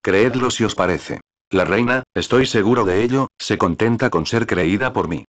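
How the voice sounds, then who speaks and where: A man with a low voice voicing a calm, warm-hearted middle-aged king in an audiobook reading, measured and reassuring. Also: natural voice.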